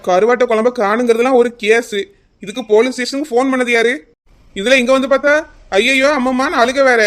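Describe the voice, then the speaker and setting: A man voicing a gruff, impatient police inspector in a cartoon, who scolds briskly. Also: extremely high pitch, fairly even intonation, a bit bright, a little hiss or hum. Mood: annoyed scolding. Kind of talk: cartoon voice acting.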